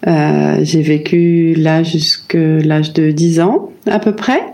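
A woman from France in her fifties talks through her story in an interview. Her voice sits a little low and sounds warm and dark, and she hesitates often, circling back and restarting her sentences. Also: slow pace. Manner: hesitant, many fillers and restarts. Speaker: brand founder, guest. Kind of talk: reflective interview answers.

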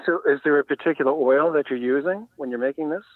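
A man's voice: a little high, quick pace, no echo. A man calling in to a cooking show over the phone, describing a baking problem in a plain, slightly hesitant way. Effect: heard over the phone. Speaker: caller. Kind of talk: call-in question to a cooking show. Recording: tinny phone line.

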